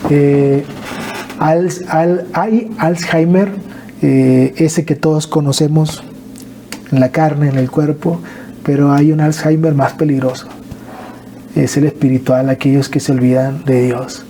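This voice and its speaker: Northern Mexican man, earnest halting storyteller, warm dark voice, faint noise behind. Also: medium pitch, level tone. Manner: earnest, halting, with repeated restarts. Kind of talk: emotional personal storytelling.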